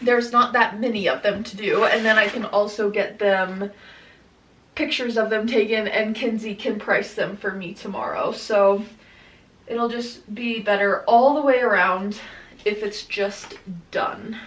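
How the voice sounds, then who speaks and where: A woman's voice: medium pitch, fairly even intonation, a little slow, fairly bright tone, low-quality recording. A young woman chatting casually to camera in her shop as a vlogger, upbeat and laughing often. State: out of breath. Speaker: vlogger and small business owner. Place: her print shop, indoors.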